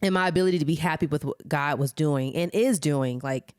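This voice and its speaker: A woman in her thirties co-hosting a casual faith podcast, animated and playful, laughing often. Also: low-pitched, fairly quick, clean tone, dry recording, studio quality. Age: 30s. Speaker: podcast co-host.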